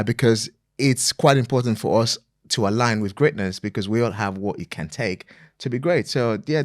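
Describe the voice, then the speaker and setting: A man, a podcast guest speaking earnestly and motivationally in a relaxed interview, often using fillers like "you know". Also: medium pitch, dry recording, studio quality. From Nigeria. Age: 40s. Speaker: podcast guest, property investor.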